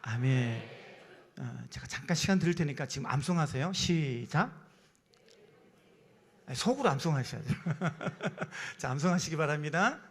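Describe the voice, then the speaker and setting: A man's voice: on the high side, expressive, normal speed. A man preaching a sermon as pastor in a church, emphatic and calling out to the congregation for responses. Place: church sanctuary.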